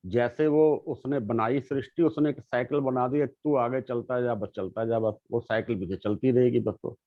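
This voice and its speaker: Middle-aged man, earnest and halting, talking about his life, dull lo-fi recording with no room sound. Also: mid-range voice, steady tone, no room sound. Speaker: guest sharing his life story. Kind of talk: casual conversation.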